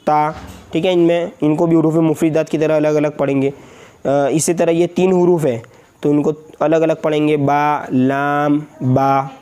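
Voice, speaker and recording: A man's voice: fairly high pitch, flat delivery, measured pace, mellow. A man with an Indian Hindustani accent teaching Quran reading in a recorded lesson, patiently drilling letters syllable by syllable and often checking in with the learner. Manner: frequent checking asides.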